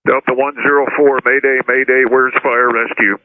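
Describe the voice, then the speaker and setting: Airline pilot on a cockpit headset radio, male, mid pitch, clipped and urgent, narrow dry air-band sound. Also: level tone, unhurried, no room sound. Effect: pilot talking over a cockpit headset radio. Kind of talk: radio calls to the tower.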